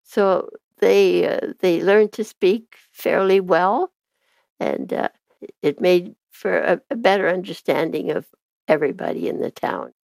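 A woman's voice: on the low side, lively intonation, a little slow, vocal fry, a little mellow, no room sound. An older woman reminiscing plainly in an interview. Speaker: interviewee recalling town life.

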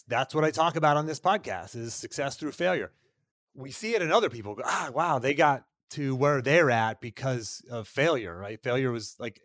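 A male podcast host with a mid-range voice, talking casually and piling up phrases to make a point. His voice sounds dry and close, with no room echo. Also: medium pitch. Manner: conversational, piles up phrases for emphasis.

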